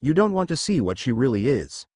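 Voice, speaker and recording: A man's voice: mid-range voice, big pitch swings, brisk, a little mellow, slightly rough, dry recording. A man reading the lines of a drunk, furious young woman who snarls and taunts, in an audiobook-style story reading. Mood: raging.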